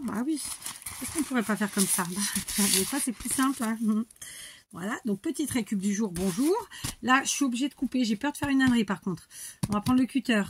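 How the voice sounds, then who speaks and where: A woman vlogging about scrapbooking, chatting casually and warmly as she opens her mail, often restarting words and laughing softly. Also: a little high, a little hiss or hum. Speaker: scrapbooking YouTuber. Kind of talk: casual chat while opening mail.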